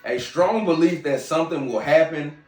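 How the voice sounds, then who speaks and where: Here a brash podcast host lectures his viewers during a casual monologue set in a hookah lounge, his slight Southern US twang coming through. He has a fairly high voice and speaks at normal speed. The recording is distant and off-mic, roomy, with music underneath.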